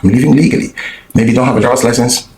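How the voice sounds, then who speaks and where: A man's voice: mid-range voice, fast talker, darkish tone, echoey room, a little hiss or hum, rough recording. A man vlogging, telling a story in a blunt, profane way with lots of restarts. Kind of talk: casual storytelling monologue.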